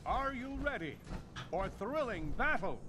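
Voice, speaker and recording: An actor playing a hyped, cheesy arena announcer in a video game, with bombastic fighting game showmanship and drawn-out calls. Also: male voice, very high voice, sing-song, heavy background noise, full character voice. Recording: loud music and game sound behind.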